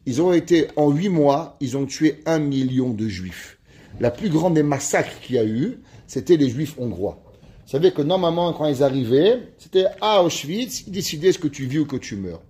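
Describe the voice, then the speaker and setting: A man, a rabbi, teaching an ethics class and telling a story in a lively way, reading Hebrew passages aloud. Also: on the high side. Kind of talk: ethics lesson with a told story.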